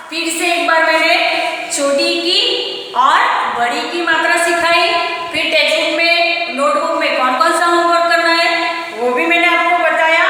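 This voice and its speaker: A woman's voice: very high-pitched, sharp tone. A woman teacher giving a patient primary-school Hindi lesson, repeating points and checking that the children understand. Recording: echoey hall from far off.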